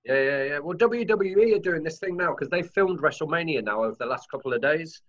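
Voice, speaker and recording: An easygoing man in a casual podcast chat, his voice sitting a little high. The audio is dull and lo-fi, with the top end muffled. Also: expressive. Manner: easygoing, agreeable, quick to put on silly voices. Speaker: podcast co-host.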